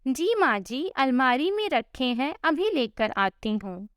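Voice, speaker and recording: A meek young daughter-in-law with a high, lively voice, polite and a little anxious, as a female storyteller voices her. The delivery is slow and the recording dry. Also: clean tone, no echo, heavily acted. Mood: obedient.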